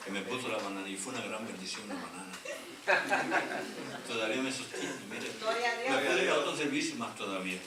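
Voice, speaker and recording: In a church sanctuary, a middle-aged male pastor with a lowish voice preaches a bit fast, reading from scripture and urging the congregation to respond. The sound is distant and echoey, with a loud crowd audible.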